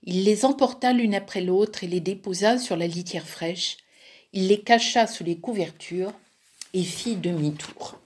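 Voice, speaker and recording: A woman reading a fairy tale aloud as a museum storyteller, measured and expressive. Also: mid-range voice, slightly rough.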